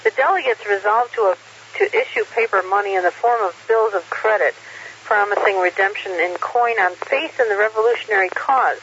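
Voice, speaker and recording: A woman's voice: medium pitch, lively intonation, fairly quick, fairly bright tone. Woman reading over muffled radio static. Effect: radio transmission with static. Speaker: regular segment presenter on radio net. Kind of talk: reading quotes and history items.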